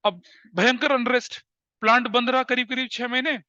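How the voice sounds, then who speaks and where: High, bright-voiced man teaching a class. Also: moderate pace, dry recording, muffled recording. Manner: lively storyteller, laughs at his own anecdotes. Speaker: commerce teacher. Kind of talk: classroom lecture mixing Hindi and English.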